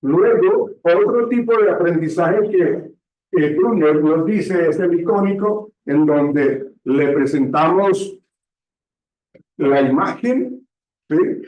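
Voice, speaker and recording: A man teaching a classroom lecture, often pausing to check understanding, recorded from a distance in a classroom. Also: fairly high pitch. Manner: slow, checks understanding with frequent "¿sí?". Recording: echoey room, distant mic, dull sound.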